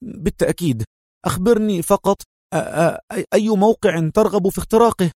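Brief: man playing a timid young hacker, higher voice, stuttering and anxious. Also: a little fast, a little mellow, no echo, studio quality. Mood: nervous. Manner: stammering, anxious. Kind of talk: audiobook character voice.

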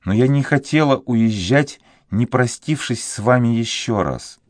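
Guy reading as a sad pleading young girl, voice pushed up high, dry close sound. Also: unhurried, no room sound, lightly acted. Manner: sad, pleading, soft-spoken. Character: sorrowful sixteen-year-old girl in love.

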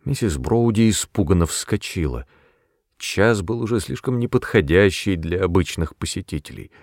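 Deep-voiced male narrator reading a novel. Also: no room sound, clean studio sound. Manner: measured, expressive storytelling. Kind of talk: literary audiobook reading.

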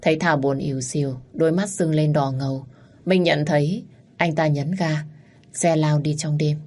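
A woman narrating an audio story in a steady, matter-of-fact way. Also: sits low, normal speed.

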